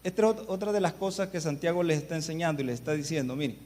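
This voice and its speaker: Guest pastor, male, slightly high voice, earnest sermon storytelling. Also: lively intonation, racing, a little mellow. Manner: earnest storytelling, addresses the congregation often. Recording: long church reverb, faint background noise.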